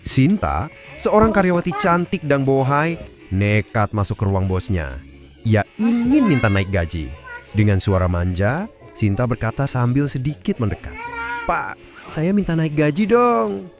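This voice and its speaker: Lively man narrating a joke story. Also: medium pitch, moderate pace, music in the background. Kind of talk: scripted comic narration.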